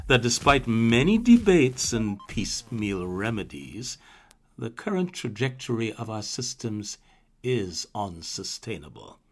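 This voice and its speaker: A man hosting a radio interview show who reads a formal introduction slowly and deliberately. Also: mid-range voice. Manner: slow, deliberate, formal delivery.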